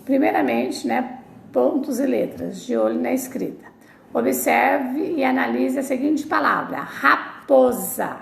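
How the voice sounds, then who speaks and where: A Brazilian woman teacher giving a recorded video lesson for children, explaining words slowly and syllable by syllable. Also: high-pitched, vocal fry, a little hiss or hum. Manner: slow, deliberate syllable-by-syllable explanation. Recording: echoey room sound.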